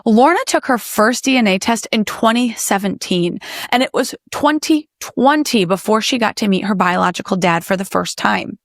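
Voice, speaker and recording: A woman's voice: medium pitch, dry recording, studio quality. A woman hosting a podcast, who questions her guest and reads reflective narration in an earnest way. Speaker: podcast host. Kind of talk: interview and scripted narration.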